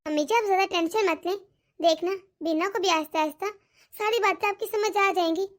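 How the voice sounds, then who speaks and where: Lady voicing a calm cartoon daughter-in-law, polite and reassuring, very high voice. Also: a little fast. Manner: polite, reassuring, level-headed. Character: sensible caring young daughter-in-law, office worker. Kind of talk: cartoon dialogue.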